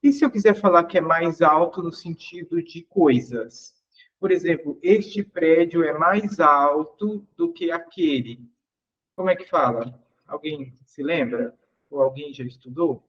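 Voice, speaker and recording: Slow, patient male English teacher. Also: on the high side, a bit bright, breathy edge, dull audio. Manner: patient, asks the class questions, repeats each example. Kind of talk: explaining grammar in an online class.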